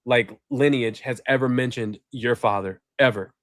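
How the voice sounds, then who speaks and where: Man, casual group chat, rambling, laughs often, middle pitch, dry sound. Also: normal speed, dry recording. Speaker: podcast host.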